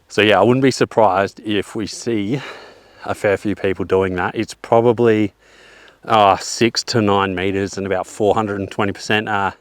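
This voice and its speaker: A young man from Australia walks a downhill bike track on a forest hillside outdoors, chatting casually in a laid-back, slangy, joking way and a bit out of breath. His voice is on the low side, and there's no echo.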